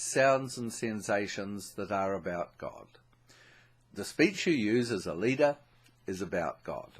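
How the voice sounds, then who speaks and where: A man's voice: medium pitch, husky. A man with a New Zealand accent giving a scripted, earnest lesson on leading worship, stressing key words. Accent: New Zealand English. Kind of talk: scripted instructional narration.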